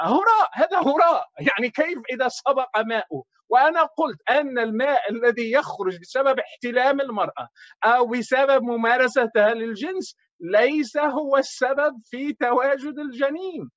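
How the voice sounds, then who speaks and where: A man's voice: very high-pitched, a little fast, fairly bright tone, dry recording, highs cut off. A man making a dismissive, argumentative case in a debate.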